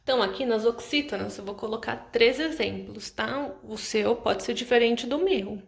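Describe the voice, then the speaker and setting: A woman's voice: a little high, moderate pace, vocal fry, echoey room. A woman teacher with a Brazilian Portuguese accent goes through homework answers patiently, explaining step by step and often checking in with the class. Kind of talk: correcting homework exercises.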